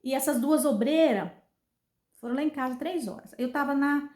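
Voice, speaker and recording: A woman's voice: sits high, normal speed, a little mellow. A woman with a Brazilian accent telling a personal story in a casual vlog, earnest and given to repeating herself. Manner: earnest, repetitive retelling. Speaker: vlogger. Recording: roomy echo.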